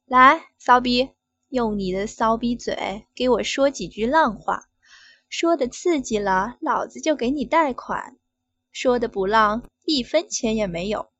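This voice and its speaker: A woman's voice: a little high, animated, measured pace, dry recording, lo-fi sound. A woman reading the part of a crude, domineering middle-aged male official in an adult audio story, barking his lines. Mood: bullying.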